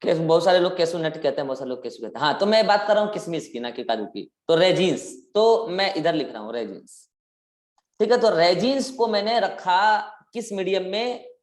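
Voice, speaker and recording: A man's voice: high voice, expressive, a little fast. Guy teaching a bio class, keeps quizzing the kids, stretches out words, roomy echo. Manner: quizzing, drawing out key words for emphasis. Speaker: biology teacher. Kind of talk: live interactive class lecture.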